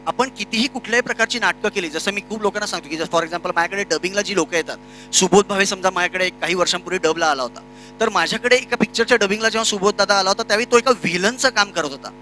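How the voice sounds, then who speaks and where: A man lectures a workshop on voice acting. His voice sits high for a man and is strikingly bright, and he talks lively, jumping into quick demos. Faint music plays behind him. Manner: lively, switches between demo voices and plain explanation. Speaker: voice-over and radio workshop instructor. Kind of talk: workshop lecture with spoken demonstrations. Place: workshop room.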